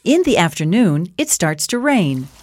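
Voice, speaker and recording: Female storybook reader, unhurried and clearly spoken, lots of melody in the voice. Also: on the low side. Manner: slow, clear, expressive reading. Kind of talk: children's storybook reading.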